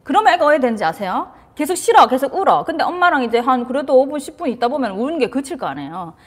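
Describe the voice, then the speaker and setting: Animated woman teaching parents, chatty, keeps quizzing the audience, fairly high voice. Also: fast, slightly rough. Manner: lively, asks the audience questions, drops in English terms. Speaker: parenting and anxiety educator. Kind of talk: casual explanatory talk. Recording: reverberant room.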